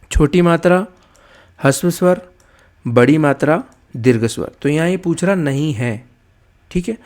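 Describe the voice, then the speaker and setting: A man with a slightly high voice explains an exam-prep lesson. He poses questions and answers them himself, checking in constantly with okay and right. He sounds out letters slowly to show how they are said. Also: darkish tone. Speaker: teacher.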